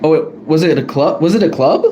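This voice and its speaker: A streamer with a fairly high voice casually draws cards for a fan wrestling tournament on his live stream, speaking briskly. He sounds hesitant and apologetic and often corrects himself, with background noise audible.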